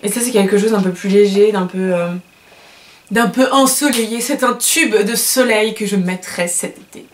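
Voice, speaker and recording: A woman beauty vlogger chats casually while unboxing products, gushing and talkative with lots of fillers and self-corrections. Her mid-range voice moves at a moderate pace, with a little hiss or hum.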